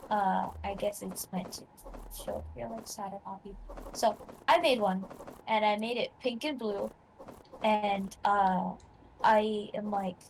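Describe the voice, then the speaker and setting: A woman's voice: mid-range voice, a little hiss or hum, poor audio. A young adult woman on a voice call, chatting and rambling as a guest on a friend's game stream, giggling often. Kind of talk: casual gaming stream chat.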